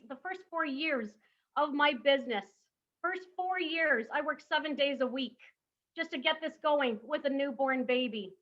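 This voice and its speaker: A woman's voice: high voice, muffled recording. A woman in her thirties giving a motivational summit talk, emphatic and full of rhetorical questions. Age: 30s. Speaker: summit speaker.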